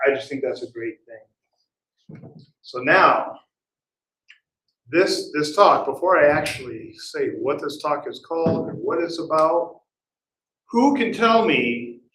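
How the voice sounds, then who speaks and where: A man gives a laid-back conference talk, tossing questions to the crowd and laughing at his own stumbles. His voice sits slightly high. It echoes around a large hall. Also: fairly bright tone. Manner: chatty, quizzes the audience, laughs at himself. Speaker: conference speaker. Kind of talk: casual conference talk with audience banter. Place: conference room. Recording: echoey hall, voice heard from a distance at times.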